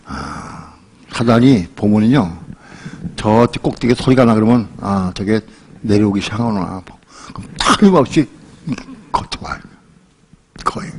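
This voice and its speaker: An older male pastor preaching a sermon in a relaxed, colloquial way, telling a personal story and acting out the voices in it. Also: on the low side, a little slow, pauses often, husky. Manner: colloquial storytelling, acts out quoted voices and laughs often.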